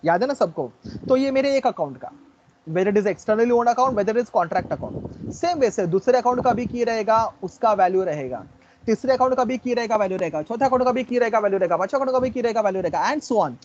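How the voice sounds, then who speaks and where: A man's voice: very high voice, expressive, quick pace, darkish tone. A man teaching a lecture class, explaining step by step, repeating key terms and promising to quiz his students later. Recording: dull lo-fi recording.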